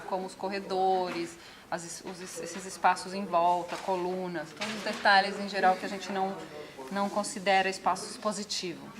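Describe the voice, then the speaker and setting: A woman from Argentina, a visual artist, calmly explaining her work in an interview and often restarting her phrases as she thinks. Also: mid-range voice, background noise. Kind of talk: interview monologue. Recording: echoey hall with music behind.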